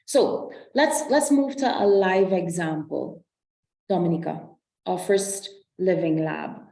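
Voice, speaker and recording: Woman webinar presenter from Trinidad and Tobago, low and slightly gravelly, on a video call from a roomy space. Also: slow pace, mellow. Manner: explanatory, with frequent um and self-corrections. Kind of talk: online presentation walking through slides.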